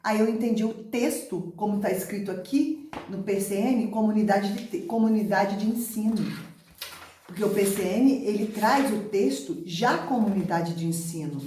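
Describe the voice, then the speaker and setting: With a mid-range, dark-toned voice at a moderate pace, a middle-aged Brazilian woman teacher talks to viewers about literacy methods and her own experience learning to read. She is emphatic and repeats key words, and her accent is Brazilian Portuguese. The echoey recording carries a little hiss or hum.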